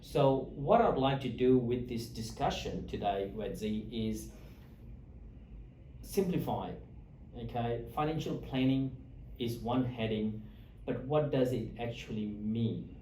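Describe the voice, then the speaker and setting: A man hosts a relaxed interview, rambling amiably through fillers and restarts. His voice is mellow and his pitch sits in the middle. The room rings with echo, and he sounds a little distant from the mic. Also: slow, slight background noise. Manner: friendly, talkative with frequent fillers and restarts. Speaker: host, lawyer. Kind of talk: interview chat. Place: office or meeting room in Australia.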